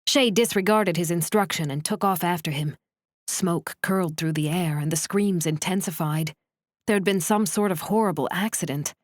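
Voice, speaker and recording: A woman narrating a romance novel in a measured, steady storytelling voice, close to the mic. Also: fairly low pitch, no room sound. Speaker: audiobook narrator.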